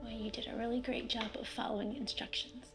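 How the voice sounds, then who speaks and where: A woman playing a weary, uneasy sleepwalking wife in naturalistic found-footage horror, speaking hesitantly in a sometimes breathy voice. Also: on the high side, flat delivery, fast talker, over music, lightly acted. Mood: weary, drifting.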